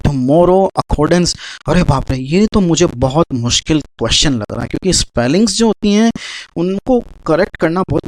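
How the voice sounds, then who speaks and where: A man runs a vocabulary quiz. He talks in an animated way and counts down timers aloud. His voice is recorded dry and close, with no room sound. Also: on the high side, dry recording, rough recording. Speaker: English quiz teacher. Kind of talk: Hindi-language vocabulary quiz.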